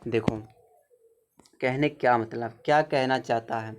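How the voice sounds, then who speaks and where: A man teaches grammar in a patient, repetitive way. He walks through each example step by step and often pauses to check that the listener follows. His voice sits at an ordinary middle pitch. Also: steady tone. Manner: patient, repetitive explaining with frequent "theek hai". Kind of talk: grammar lesson over a zoomed screen.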